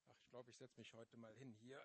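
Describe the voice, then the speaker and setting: A man in his fifties speaks from a church seat in an ordinary mid-pitched voice. He halts and gropes for words, repeating himself, then lifts into fervent, emphatic preaching. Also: little pitch movement, husky. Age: 50s. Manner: halting, searching for words, then rising with fervor. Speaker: lay preacher. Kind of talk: sermon testimony.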